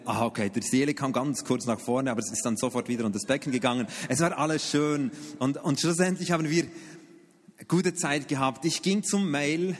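A middle-aged pastor preaches in a husky, fairly high voice, springing up and down in pitch as he acts out his own stories. He is recorded in a hall with a long, ringing reverb. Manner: animated storytelling with sudden pitch jumps and asides. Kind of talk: sermon.

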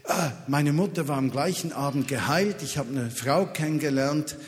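A man voicing an excited male restaurant owner in a story told during a sermon, blunt and eager. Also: fairly high pitch, moderate pace, natural voice. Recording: long hall reverb.

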